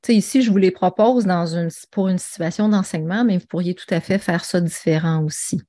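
In a low, mellow voice and at a fairly quick pace, a woman presents an online teaching webinar. Her talk is casual and conversational, full of fillers and restarts.

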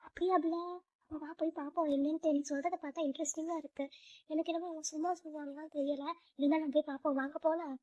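A caring older sister, as a woman acts her out, talks quickly in a high voice and soothes the little ones like a mother would. The recording sounds dull and lo-fi, like a homemade doll story play. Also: level tone, warm tone, lightly acted. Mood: curious. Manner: reassuring, motherly. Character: protective older sister figure, Madhu.

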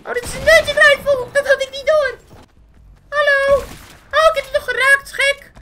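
A performer voices a squeaky, hyper, cartoonish young male gamer who keeps up boastful gameplay commentary at a moderate pace. His voice swoops and breaks into sudden high squeals as he chatters nonstop and excitably at the screen.

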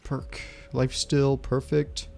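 A man's voice: mid-range voice, monotone, slow, gravelly, warm tone, faint music behind. A man streaming a video game, thinking aloud and muttering to himself as he plays. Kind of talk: casual gameplay commentary.

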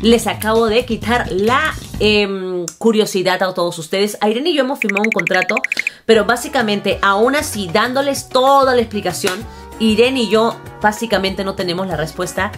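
A woman's voice: medium pitch, moderate pace, faint music behind. A young woman co-hosting a storytime video, explaining events in a conversational way with asides. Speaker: vlog co-host. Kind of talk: storytime chat.

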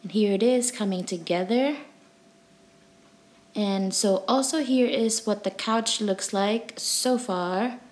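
A woman's voice: mid-range voice, takes it slowly, darkish tone. A young adult woman vlogger giving a cheerful, chatty voice-over for a home video, with frequent ums and uhs.

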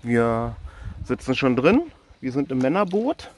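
A man vlogging with his family, making relaxed, offhand remarks while paddling a canoe outdoors and into a cave. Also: medium pitch, measured pace. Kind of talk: casual chat.

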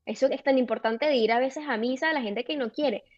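A woman guest on a podcast, telling a personal story in an animated way and filling her talk with "o sea". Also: high-pitched, brisk, dry recording, lo-fi sound. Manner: animated, filler-heavy retelling with many "o sea". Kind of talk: casual storytelling interview.

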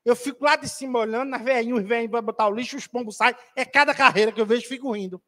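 A man's voice: very high voice, fast, bright, forceful tone. A man giving a spiritist lecture in an auditorium, telling a story in a chatty, teasing way and calling out audience members by name.

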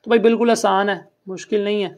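A recitation teacher runs a patient classroom lesson, breaking down each rule step by step in a plain, conversational style while students answer questions and repeat them back. The middle-pitched voice has a flat delivery.

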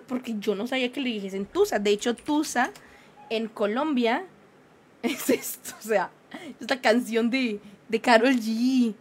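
A young woman, a streamer chatting casually with her viewers and telling a story in an animated, self-mocking way. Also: high voice.

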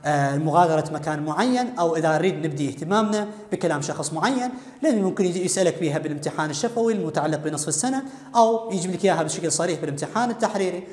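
A man's voice: on the high side, expressive, rapid-fire, darkish tone. A man with an Iraqi Arabic accent teaching an English lesson on video, explaining step by step and quizzing students aloud. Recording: echoey room with long reverb.

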